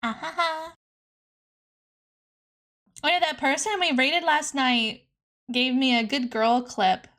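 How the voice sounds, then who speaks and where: A woman streamer chatting casually in a playful, cutesy anime-streamer manner, expressive and exclamatory. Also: sits high, takes it slowly, pauses often. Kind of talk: casual livestream chat while gaming.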